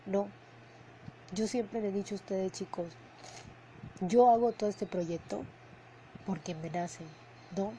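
A woman's voice: medium pitch, a little slow, pauses often, dark tone, slight background noise, poor audio. A woman hosting a podcast as an emotional coach, talking in an earnest, heartfelt way, repeating words for emphasis and ending sentences with a questioning "no?". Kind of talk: casual spoken podcast monologue. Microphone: headphones and podcast mic.

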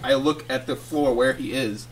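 A man's voice: mid-range voice, normal speed, recorded from a distance. A man co-hosting a podcast, telling a story casually and laughing through it. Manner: animated, laughs through his own story. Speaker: podcast co-host.

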